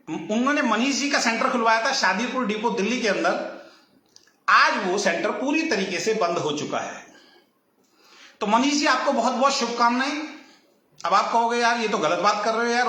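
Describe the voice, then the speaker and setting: A man's voice: very high-pitched, sharp tone, roomy sound. A man hosting a live stream, talking at length in a teasing, mocking manner about nicknames and business rivals. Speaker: direct selling channel host.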